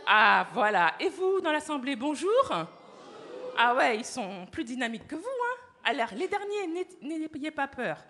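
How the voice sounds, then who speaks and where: Animated woman telling children a story. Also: high voice, normal speed, few pauses. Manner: animated, asks the children questions. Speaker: children's storyteller at church service. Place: church hall.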